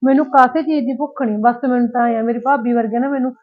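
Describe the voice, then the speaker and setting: A woman's voice: on the high side, fairly even intonation, quick pace, close to an everyday voice. A woman playing a married daughter who visits her parents' home, aggrieved and emotional, with a Punjabi accent. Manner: complaining, hurt and emotional. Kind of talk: village short-film acting. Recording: tinny phone-like sound.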